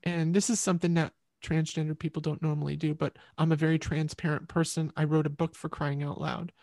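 A woman guest telling an animated personal story in an interview over a video call, acting out the voices of people in it. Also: low-pitched, brisk, no room sound. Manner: expressive, acts out quoted voices.

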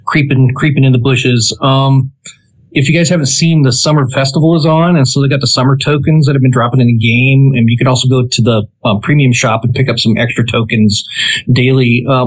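A man's voice: mid-range voice, low-quality recording. A man co-hosting a gaming podcast, talking at length with many fillers. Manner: rambling, filler-heavy. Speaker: podcast co-host. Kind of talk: casual podcast chat.

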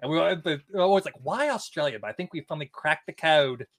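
A man's voice: on the high side, expressive, quick pace, fairly bright tone. A man co-hosting a podcast in casual chat, rambling with many fillers. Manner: rambling, filler-heavy, restarts. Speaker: podcast co-host.

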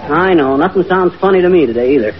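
An actor playing a blustering, worried carnival manager and wisecracking husband, folksy and slangy, in vintage radio comedy. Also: male voice, on the high side, lively intonation, fast, a loud crowd, natural voice. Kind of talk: 1940s radio comedy acting. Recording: muffled, noisy old radio recording with audience.

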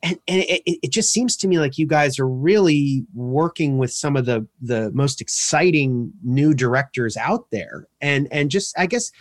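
A man's voice: medium pitch, lively intonation, moderate pace, few pauses, dry recording. Enthusiastic stammering male interviewer. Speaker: podcast host interviewer. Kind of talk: casual interview chat.

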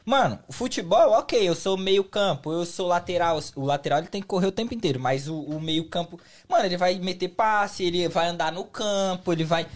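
A man's voice: high-pitched, brisk, few pauses. A man with a Brazilian Portuguese accent, chatting casually as a podcast host, exclaiming and asking questions in slang with swearing.

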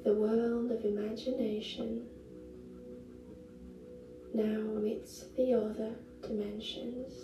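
A woman narrating a guided meditation in the gentle, hushed, unhurried manner of a sleep story narrator, with long pauses. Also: fairly high pitch, level tone, muffled recording. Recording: roomy echo, distant mic, music behind. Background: music.

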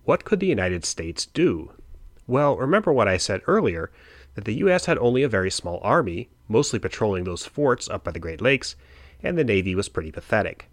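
A man's voice: lowish voice, big pitch swings, fairly quick, no echo. A man narrating a history podcast in a casual, conversational way with wry asides.

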